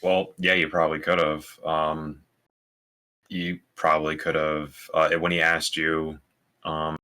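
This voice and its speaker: A man's voice: a bass voice, completely flat delivery, a little slow, bright, forceful tone, clear, resonant tone. A man on a podcast talking casually and hesitantly, often restarting his sentences. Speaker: podcast co-host. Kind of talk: casual chat.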